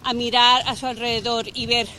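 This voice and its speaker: Diplomat speaking with fillers. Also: female voice, fairly high pitch, level tone, sharp tone, slight background noise. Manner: halting, with fillers. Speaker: embassy diplomat.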